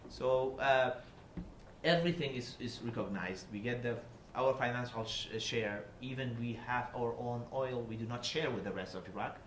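In an echoey university seminar room with faint noise, a guest speaker from Iraqi Kurdistan, whose first language is Kurdish, delivers a public talk. His medium-pitched, slightly bright voice moves at a moderate pace, earnestly explaining and often restarting. A table mic captures him from a seated distance.

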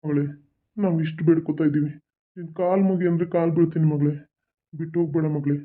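Brief: a man playing a begging, repentant father-in-law; high voice, tinny recording. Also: little pitch movement, fast talker, natural voice. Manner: pleading, remorseful.

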